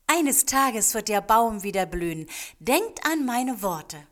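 A woman voicing a kindly, hopeful old man in a storybook, speaking in an earnest, animated way. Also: fairly high pitch, slow pace, voice pushed up, full character voice.

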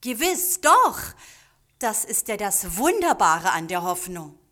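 A woman voicing a kindly, hopeful old man in a storybook, speaking in an earnest, animated way. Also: medium pitch, takes it slowly, exaggerated voice.

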